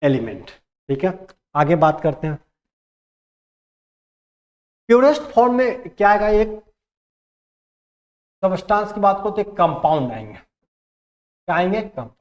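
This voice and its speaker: A man with a high-pitched voice teaches chemistry in Hindi and switches into English terms. He keeps asking the class questions and then answers them himself. The recording sounds dull and lo-fi. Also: very animated, moderate pace, pauses often. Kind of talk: classroom lecture.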